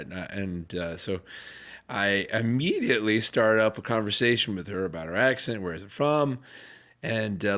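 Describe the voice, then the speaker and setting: A man's voice: lowish voice, fairly bright tone. A man, sick and sounding off, telling a rambling, self-deprecating story to camera. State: sick, congested. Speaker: vlogger.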